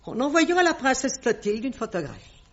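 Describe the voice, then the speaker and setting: A high, very animated and somewhat bright woman's voice, heavily acted, portrays a proud middle-aged queen mother in a French radio drama. The dull old recording captures her haughty formality, measured diction, and grave, confiding mood.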